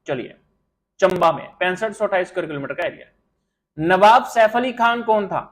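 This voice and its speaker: High-pitched guy doing a fast live quiz class, hypes up commenters, scolds em for wrong answers. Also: a bit bright, rough recording. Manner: rapid quiz-master patter, praising viewers by name; scolding, teasing tone with students. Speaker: exam coaching teacher. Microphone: live stream mic with audio glitches.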